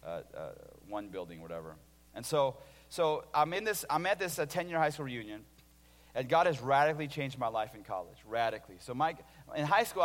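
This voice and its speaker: A man in his thirties from Illinois preaching a sermon as a pastor, telling stories with lively restarts and swings between loud and hushed delivery. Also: medium pitch. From Illinois, USA. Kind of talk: sermon with personal story. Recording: long hall reverb.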